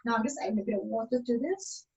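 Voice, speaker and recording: A Malaysian woman gives a casual cooking demonstration, speaking haltingly with lots of fillers and restarts. Her voice is a little high and a little mellow, yet animated.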